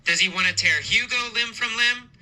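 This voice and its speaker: A male teacher telling a story as a lesson, asking simple questions and answering them himself, slowly and with emphasis. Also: extremely high pitch, bright, forceful tone, rough recording. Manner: slow, repetitive, emphatic questioning. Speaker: English teacher.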